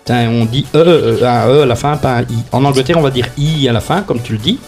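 Un homme qui anime une émission de radio, plaisante et taquine ses collègues en parlant souvent par-dessus eux. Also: male voice, medium pitch, fast, a little mellow. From Belgium. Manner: joking, teasing, talks over others. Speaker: radio show host. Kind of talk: casual banter on a radio show. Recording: music playing faintly behind.

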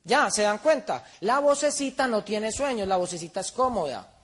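High-voiced motivational man. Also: lively intonation, normal speed, fairly bright tone. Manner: rhetorical questions to the audience, emphatic. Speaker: seminar speaker. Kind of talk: motivational seminar talk.

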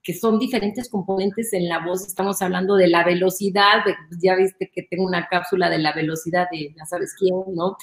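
A woman with a Mexican accent talks in a lively, explanatory way as an interview guest, often checking in with "¿no?". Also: lowish voice, normal speed, hardly any pauses. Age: adult, a mother. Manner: animated, explanatory, often asks "¿no?". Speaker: guest, image consultant. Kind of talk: conversational interview. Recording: roomy echo.

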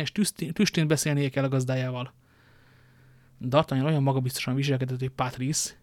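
A man reading a novel aloud in a steady narrating voice, now and then stumbling and correcting himself. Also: mid-range voice, dry recording, clean studio sound. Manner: steady narration with occasional slips and self-corrections. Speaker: audiobook reader.

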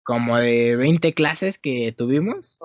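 A man's voice: medium pitch, animated, takes it slowly, no echo. A young man with a Mexican accent telling a rambling, self-correcting story in casual chat with friends. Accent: Mexican Spanish. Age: young adult. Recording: dull dry lo-fi sound.

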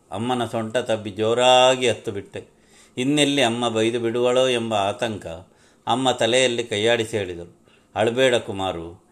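Low-voiced man narrating a memory. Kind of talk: first-person story narration.

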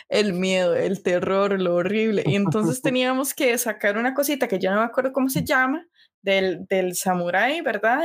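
Young Costa Rican woman, podcast co-host, lively storyteller. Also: mid-range voice. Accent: Costa Rican Spanish. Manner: animated storyteller, tag questions, laughs often. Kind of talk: casual storytelling chat.

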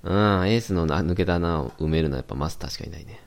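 This young man co-hosts a podcast in a Kansai Japanese accent, keeping the chat laid-back and casual and laughing often. His bass voice is gravelly and rapid-fire.

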